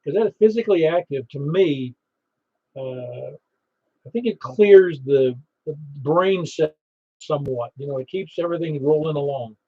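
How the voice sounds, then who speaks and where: A man's voice: on the high side, moderate pace. A chatty, rambling man casually hosting an amateur radio net, reading out call signs. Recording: slightly dull radio recording.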